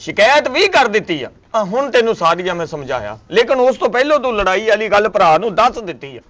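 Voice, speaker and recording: An exasperated husband, played by a man in a comedy sketch. His voice sits high as he lectures his family. He makes his points with jokes and old sayings. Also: big pitch swings, fast talker, fairly bright tone. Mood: annoyed. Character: husband defending himself against a suspicious wife, with comic wordplay.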